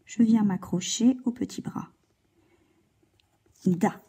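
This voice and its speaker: A woman's voice: mid-range voice, mellow, breathy edge. A woman teaching a handwriting lesson to a child, guiding patiently step by step. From France. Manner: slow, patient step-by-step guidance, addressing a child.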